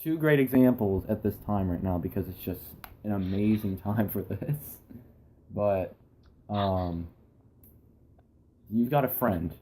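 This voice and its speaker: This is a young man hosting a homemade podcast in a relaxed, rambling way. His voice sits low and sounds mellow and a little dark. He restarts his sentences and laughs a lot. A faint hum of room noise stays under his talk. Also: unhurried, pauses often. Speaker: podcast host. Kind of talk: casual chat.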